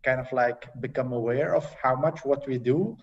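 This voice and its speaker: A young man speaks as a panel guest in a relaxed, conversational way, often stopping with fillers and restarting. His voice sits at an ordinary pitch. The video-call audio is dull and sounds as if he is some way from the mic. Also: distant mic. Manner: halting, many fillers and restarts. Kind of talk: casual conversational sharing.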